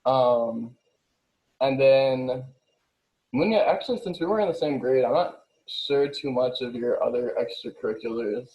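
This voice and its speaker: A young man hosting a relaxed interview, his voice mellow and dark. He asks long, friendly questions that wander and restart. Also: mid-range voice, a little slow, poor audio. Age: young adult. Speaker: host.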